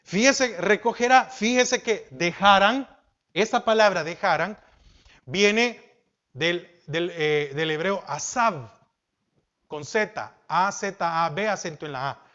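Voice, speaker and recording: A man preaching a sermon as pastor, asking the congregation questions and dropping from loud emphasis to soft. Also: high-pitched, slow pace, lo-fi sound.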